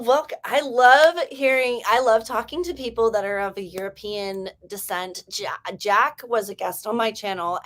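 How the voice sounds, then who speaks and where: A woman hosting a casual writing livestream, hyper and chatty, rambling with quick restarts. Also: medium pitch. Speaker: livestream host running writing sprints.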